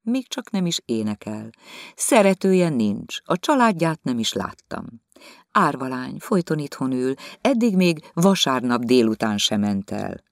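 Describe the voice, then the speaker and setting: A man voicing a proud, bossy middle-aged lady in an audiobook, speaking high and emphatically. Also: very animated, no echo, clean studio sound. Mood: smug.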